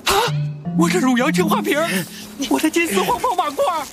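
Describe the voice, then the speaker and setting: A man's voice: very high voice, animated, a little fast. A man voicing a frantic, aggrieved cartoon antiques collector with thick-tongued, slurred speech. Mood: outraged, wailing. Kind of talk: animated cartoon acting. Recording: loud music over the voice.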